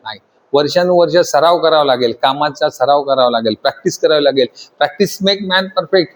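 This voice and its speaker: High-voiced trainer questioning a class. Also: male voice, normal speed. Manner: asks the class constant questions and pushes them to answer louder. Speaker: trainer addressing students. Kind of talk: classroom lecture.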